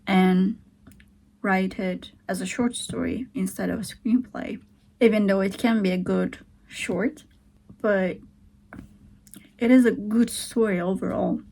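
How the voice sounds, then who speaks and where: A young woman from Turkey, a vlogger with a mid-range voice, a Turkish accent and a gravelly fry, thinks aloud slowly in a casual vlog. She muses hesitantly and unhurriedly, pausing to consider things and occasionally slipping into soft whispered asides. She is recording at home, sitting on the floor beside a heater.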